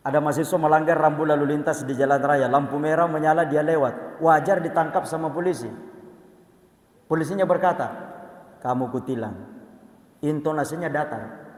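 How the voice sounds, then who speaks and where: A man's voice: fairly high pitch, steady tone, a little fast. A man giving a dawn sermon in a mosque, telling stories and acting out the quotes with humor. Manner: storytelling with voiced quotes and humor. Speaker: preacher. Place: mosque hall. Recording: echoey mosque hall.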